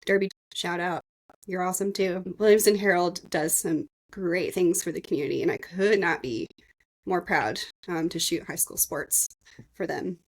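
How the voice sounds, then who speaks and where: A woman's voice: lowish voice, moderate pace. A woman in her thirties hosting a podcast, telling her own story in a casual, earnest and emotional way, speaking straight to her listeners. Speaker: podcast host.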